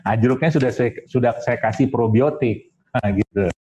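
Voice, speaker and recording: A man's voice: mid-range voice, normal speed, mellow, a little hiss or hum. A man giving a casual, jokey health talk to an audience, with sound effects and quoted voices. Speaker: Islamic health speaker. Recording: dull lo-fi sound.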